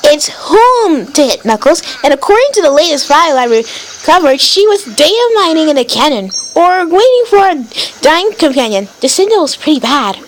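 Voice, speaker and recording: A woman's voice: high voice, very animated, moderate pace, a little hiss or hum, rough recording. A woman voicing a clever young male fox tech whiz in a fan dub of a video game, precise and explaining. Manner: precise, explains technical matters.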